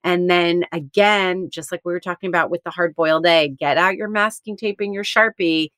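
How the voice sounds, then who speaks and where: A woman's voice: fairly low pitch, fairly even intonation, moderate pace, fairly bright tone, dry recording, clean studio sound. A woman co-hosting a podcast in casual chat, enthusiastic and talkative, often laughing. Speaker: podcast co-host.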